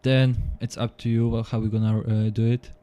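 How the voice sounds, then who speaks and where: This live esports race commentary comes from a man whose first language is Polish, speaking non-native English in a mellow, mid-range voice with flat delivery. Haltingly and apologetically, he keeps repeating words and starting sentences over as the sim racing session unfolds.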